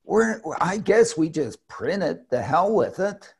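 A man's voice: sits high, very animated, slow pace, breathy edge. A man co-hosting a discussion show, talking in an emphatic, exasperated, rambling way with many restarts. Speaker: podcast co-host, commentator. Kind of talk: casual opinionated discussion.

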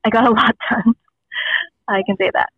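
A woman's voice: fairly high pitch, fairly even intonation, normal speed, slightly rough, dry recording. A woman heard over a phone on speakerphone, chatting casually as a phone-in guest with lots of "like" and "um" fillers and frequent laughs. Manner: rambling with many "like" and "um" fillers, laughs often. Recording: dull lo-fi phone line.

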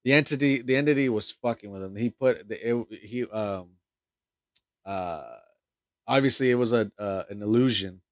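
A lower-voiced man talks through a movie plot in loose, meandering chat, full of ums, restarts and casual swearing. The sound is dull and lo-fi, with a dry, close feel and no room around it. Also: moderate pace, no echo. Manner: rambling, profane, many fillers and restarts. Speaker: film reviewer. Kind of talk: casual film review recap.

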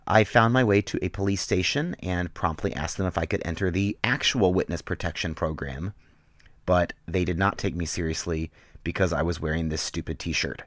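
A man with a very low, deep voice tells a ridiculous story as a product review, casual and deadpan. The recording is dry and close, with no room sound. His delivery stays conversational and unbothered. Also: no room sound. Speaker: comedy podcast co-host.

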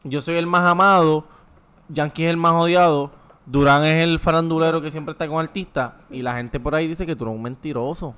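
A man's voice: on the high side, steady tone, brisk, fairly bright tone, clean tone. A man on a podcast, teasing his co-host with pointed questions. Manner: teasing, needling. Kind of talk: casual chat, teasing questions.

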